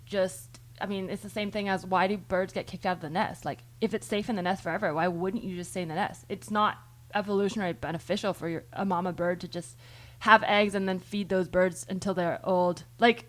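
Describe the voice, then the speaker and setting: A woman's voice: mid-range voice, fairly even intonation, a little fast. Woman host, casual chat, rambling restarts, mid-range voice. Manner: thinking aloud in long rambling turns with many restarts, sometimes swearing. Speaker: podcast host.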